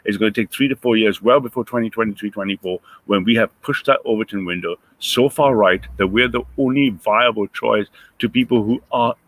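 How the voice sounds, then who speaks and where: A man's voice: lowish voice, brisk, hardly any pauses, dry recording, rough recording. Emphatic man, reaction chat. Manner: emphatic, animated, mimics voices in quotes. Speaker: co-host.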